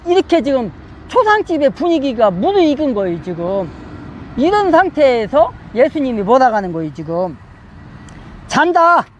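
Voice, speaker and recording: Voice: high-pitched, darkish tone, a little hiss or hum. A Korean Bible study teacher lecturing emphatically, repeating phrases and asking the listeners many rhetorical questions.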